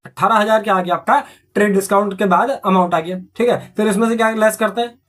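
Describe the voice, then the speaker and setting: A man's voice: high-pitched, fast talker, fairly bright tone. Teacher quizzing his class aloud. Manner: repetitive, asks and answers own questions, frequent "theek hai". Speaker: accountancy teacher. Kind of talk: explaining journal entries step by step.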